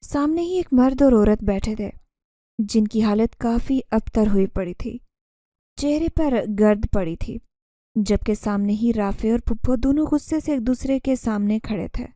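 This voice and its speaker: A woman's voice: on the high side, unhurried, mellow, dry recording, clean studio sound. A woman narrating a dramatic horror story in the first person.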